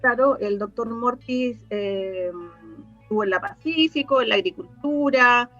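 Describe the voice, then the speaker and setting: A Chilean woman, an interview guest who writes scripts and researches radio drama, answers questions in a conversational way, hesitating, hunting for words and often repeating herself. Her voice sits on the high side, fairly bright, at a measured pace. The recording is dull and lo-fi, with faint music in the background.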